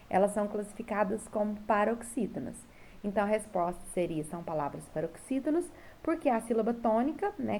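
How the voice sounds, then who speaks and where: A woman's voice: mid-range voice, vocal fry, darkish tone. A woman teacher with a Brazilian Portuguese accent, recording from home as she patiently goes over a homework correction for her pupils and keeps checking that they follow. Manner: patient, checks in often with a tag question.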